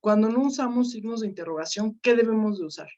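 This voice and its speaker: A woman teaching an online class, calling on students by name and filling pauses with "este" and "eh". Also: a little high, a little mellow. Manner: questioning students by name, many fillers. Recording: slightly dull lo-fi sound.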